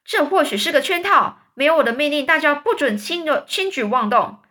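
A woman's voice: high voice, animated, a little fast, bright, forceful tone, voice pushed up. A woman voicing a frightened, shrieking fire chief in a children's story reading. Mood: panicky yelling. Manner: shrieking, panicky.

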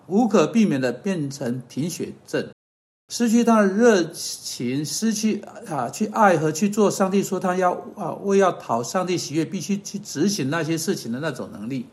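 A man giving an earnest sermon-style podcast teaching that closes in prayer, pausing on fillers and correcting himself as he goes. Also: sits high, expressive, darkish tone. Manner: earnest, measured, with hesitant fillers and self-corrections.

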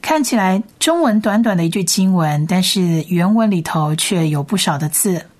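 Patient woman teaching, slightly low voice. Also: animated, darkish tone. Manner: patient, repeats sounds slowly and carefully. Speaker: Hebrew teacher. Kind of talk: recorded language lesson.

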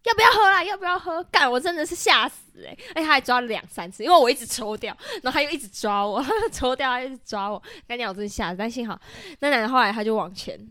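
Fast-talking bright Taiwanese woman. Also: a little high, dry recording. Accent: Taiwanese Mandarin. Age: 20s. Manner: animated storytelling, frequent laughter and swearing. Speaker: podcast co-host. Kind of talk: casual chat.

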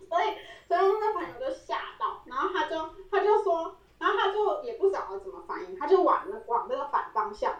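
A lively podcast co-host, a woman, tells a story with a lot of laughter. Her voice sits a little high. She sounds distant from the mic, in a room with plenty of echo. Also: fast, few pauses, dull audio. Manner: animated, laughing often, acting out quoted lines. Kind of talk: casual storytelling chat. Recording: roomy echo, voice set back from the mic.

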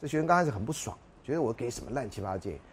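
A man lecturing on sociology in a classroom. He talks quickly and his pitch leaps around as he acts out dialogue from his stories, throwing in rhetorical questions to the class. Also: sing-song, slightly rough.

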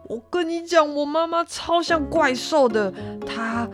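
Loud insistent little boy, as a woman puts him on. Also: sits low, expressive, unhurried, music in the background. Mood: animated.

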